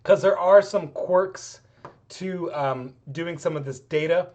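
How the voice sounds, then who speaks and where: Fairly high-pitched and slightly mellow, a middle-aged chemistry professor takes his time through a screen-recorded lab tutorial. His delivery is offhand, rambling and self-deprecating, and his voice is starting to give out.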